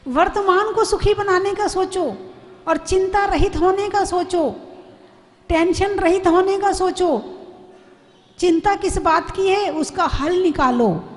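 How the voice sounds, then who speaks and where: A woman Jain nun preaches a devotional sermon in a storytelling way, often turning questions to her listeners. Her voice sits high for a woman. Long reverb from a large hall trails every phrase. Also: takes it slowly. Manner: storytelling, asks the audience questions.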